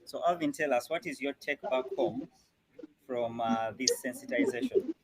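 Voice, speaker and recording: A man's voice: medium pitch, normal speed, heavy background noise. A man hosting a live youth call-in, hesitant with many fillers.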